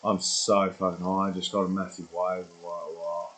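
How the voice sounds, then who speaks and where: Husky, rambling young man vlogging. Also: sits low, flat delivery, moderate pace, fairly bright tone, poor audio. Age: 20s. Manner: meandering, swears freely, loses his track. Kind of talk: rambling casual vlog monologue.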